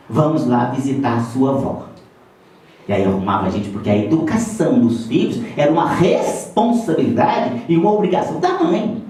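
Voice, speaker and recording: A man's voice: medium pitch, a little mellow, a little hiss or hum. A middle-aged Brazilian man giving a lecture, telling folksy stories and asking the audience for agreement. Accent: Brazilian Portuguese. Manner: folksy storyteller, asks the audience "né?" and "não é assim?". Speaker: speaker at a spiritist center lecture. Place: lecture hall. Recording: echoey hall, distant mic.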